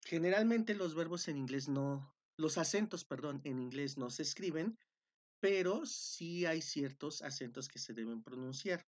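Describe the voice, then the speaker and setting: Woman, English teacher, very slow, patient, repeats rules. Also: low-pitched, lively intonation, a little mellow. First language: Spanish. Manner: patient, drawn-out, repeats each rule in Spanish. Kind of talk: slow classroom-style grammar explanation.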